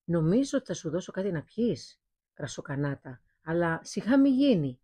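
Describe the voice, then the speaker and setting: A burly, ill-mannered blacksmith bellows insults in a mellow, husky voice, as a woman reading a fairy tale puts him on. He sounds gruff and rude. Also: on the low side, sing-song, no room sound.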